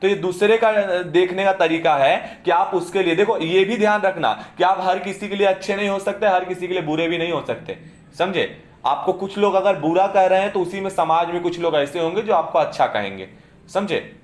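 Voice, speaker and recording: This lecturer has a high voice and a brisk delivery, recorded in a roomy-sounding room. As he teaches, he explains each point and frequently asks "समझे?" to confirm the students understand.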